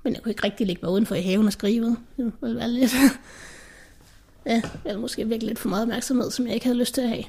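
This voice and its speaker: A teenage girl telling her own story, earnest and halting, at times dropping into a soft whisper. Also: a little high, fairly even intonation, breathy edge. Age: teens. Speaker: interviewee recounting an anxiety attack. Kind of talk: personal testimony in a radio documentary.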